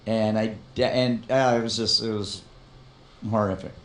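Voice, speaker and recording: A man's voice: fairly low pitch, steady tone, unhurried, echoey room. A man co-hosting a casual chat, telling a joking anecdote in an easygoing way. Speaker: podcast co-host.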